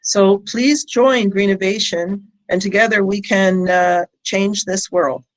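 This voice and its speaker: A woman presents a short scientific pitch in an online talk. Her voice sits at an ordinary middle pitch for a woman, and her delivery is hesitant, with frequent ums and small pauses between phrases. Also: fairly even intonation, low-quality recording. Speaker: company founder and scientist presenting. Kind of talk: prepared short conference presentation. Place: online presentation with audience in chat.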